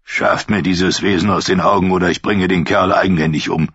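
A man voicing a gruff, stern older lord in an audiobook, growling his lines. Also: deep voice, steady tone, a little fast, fairly bright tone, no room sound, dull audio, full character voice.

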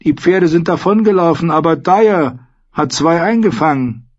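A man reading an audiobook voices two blunt, ominous old women with a shrill, harsh manner. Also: moderate pace, dull audio, close to an everyday voice.

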